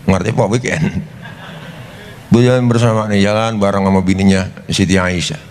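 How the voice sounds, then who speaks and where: A man's voice: fairly low pitch, normal speed. A man with a Betawi accent preaching a humorous sermon, joking and speaking directly to his listeners. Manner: jokey, animated, addresses the crowd directly. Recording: reverberant hall.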